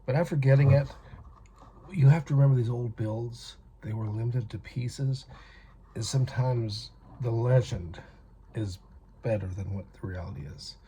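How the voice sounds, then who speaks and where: A man's voice: medium pitch, moderate pace, mellow, a little hiss or hum. A man from North America giving a rambling, chatty hands-on toy review with self-aware asides.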